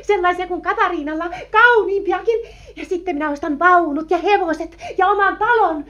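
A giggly, gushing spinster lady in a vintage radio play, her voice pitched very high and flighty. The recording is dull and lo-fi, like an old radio broadcast. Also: pushed and bright. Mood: giddy. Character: excitable, flustered spinster lady, half-sister of a rich woman.

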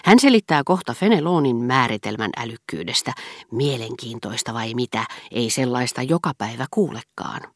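A woman reading aloud voices a sharp-tongued middle-aged hostess who gives orders at her dinner table. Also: rumbling low, animated, dry recording, clean studio sound. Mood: bossy. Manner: sour, commanding, then briefly soothing.

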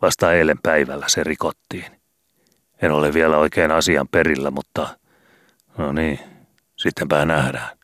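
A grown photographer questions two boys in a calm, mock-stern way, his voice deep and dry, as a man reads him aloud. This is from an old storybook. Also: pauses often, dry recording. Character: gruff adult male photographer, mock-stern.

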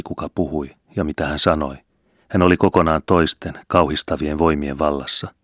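Extremely deep-voiced male audiobook reader. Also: a bit bright, dry recording, studio quality. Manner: measured, earnest storytelling. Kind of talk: scripted narration of a classic novel.

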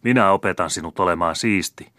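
A man's voice: sits low, sharp tone, no echo, clean studio sound. A man voicing a grumbling, peevish old gardener in a storybook reading.

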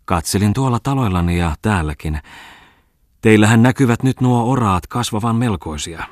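A man's voice: fairly low pitch, lively intonation, no room sound, clean studio sound, voice pushed up, natural voice. A man reading an audiobook voices a stout, wealthy businessman who probes and talks down to people in a self-assured way. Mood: affable. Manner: probing, condescending, chuckling. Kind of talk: audiobook character voice.

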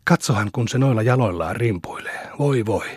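A man voicing an excitable, curious young country boy in an audiobook. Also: on the low side, breathy edge, no room sound, studio quality. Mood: excited.

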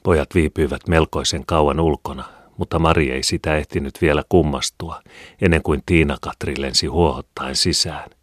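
Man, audiobook narrator, very deep voice, dry close mic, calm measured reading. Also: no room sound. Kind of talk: scripted narration.

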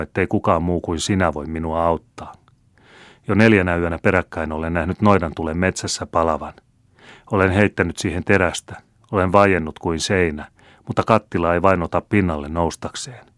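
A man's voice: low voice, steady tone, no echo, studio quality, natural voice. A man voicing a humble, worried charcoal burner who pleads meekly. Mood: pleading. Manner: meek, pleading.

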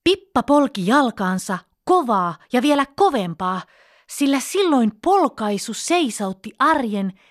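A woman telling a children's fairy tale in an expressive, storybook way. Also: fairly high pitch, no echo, clean studio sound. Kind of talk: children's bedtime story reading.

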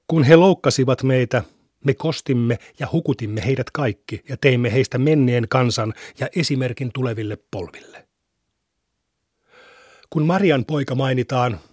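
Male reader, mid pitch, measured solemn scripture reading, dry studio sound. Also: husky, dry recording. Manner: measured, even recitation.

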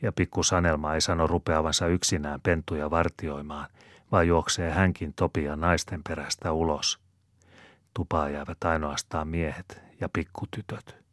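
A man narrates an audiobook in a calm, measured way. His voice is very deep and low, recorded close and dry with no room sound. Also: no room sound. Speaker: audiobook reader.

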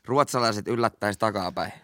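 A young man with a lowish voice, talking casually on a podcast mic. He tells crude puns with a deadpan delivery, and the sound is close and dry with no room around it. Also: no echo. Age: young adult. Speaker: podcast co-host. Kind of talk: casual chat trading bad jokes.

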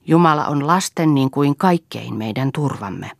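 A woman's voice: a bass voice, creaky, no room sound, studio quality, heavily acted. A woman doing a pompous preaching pastor. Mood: preachy. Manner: loud, monotonous, preachy. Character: pompous middle-aged male country pastor.

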